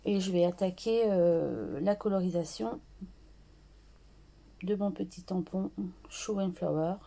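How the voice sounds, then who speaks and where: Slow, gravelly woman talking through crafts. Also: fairly low pitch, warm tone. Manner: slow and hesitant, many fillers and restarts. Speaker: craft tutorial host. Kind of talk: talking through an art journal tutorial.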